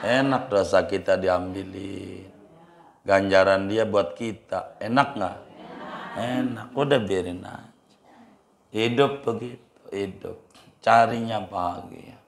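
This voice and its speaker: A man's voice: deep voice, slow, creaky, pauses often, reverberant, slight background noise. A man preaching a humorous sermon with a Betawi Jakarta accent, telling a folk story, acting out villagers' voices and laughing often. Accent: Betawi Jakarta colloquial. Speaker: Islamic preacher.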